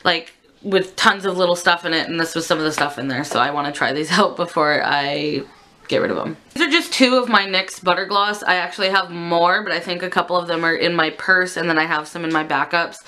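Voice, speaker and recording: A woman beauty vlogger with a sick, stuffed-up swamp-monster croak. Her voice sits a little low yet has a bright, forceful edge. She rambles in a candid, casual way as she talks through products. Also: fairly quick. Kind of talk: casual chatty product declutter. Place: indoors at a makeup desk.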